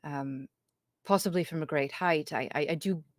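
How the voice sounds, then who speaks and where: Woman playing a halting, low-voiced injured woman hiker. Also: dry recording, clean studio sound, close to an everyday voice. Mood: hesitant, evasive. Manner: halting, hesitant, politely apologetic. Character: injured, evasive woman hiker with patchy memory.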